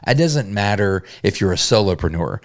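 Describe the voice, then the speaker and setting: A man's voice: fairly low pitch, expressive, moderate pace, no room sound, clean studio sound. A man hosting a solo business podcast, talking in an earnest, conversational way and sometimes restarting his sentences. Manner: earnest, conversational, with self-corrections. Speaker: podcast host.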